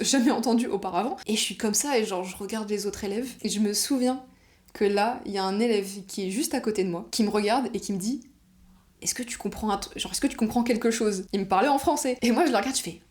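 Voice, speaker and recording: A woman's voice: mid-range voice, darkish tone. A young woman, chatting casually as a vlogger as she tells stories from her life, with lots of fillers. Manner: chatty, conversational, frequent fillers like genre and bah. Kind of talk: casual storytelling monologue.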